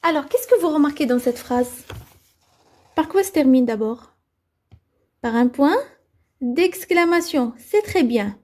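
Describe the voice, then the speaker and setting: High-voiced woman teaching grammar. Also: lively intonation, a little slow, pauses often, a little mellow. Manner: asks the class questions and answers them herself; repeats "c'est bon?" to check understanding. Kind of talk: grammar lesson for children.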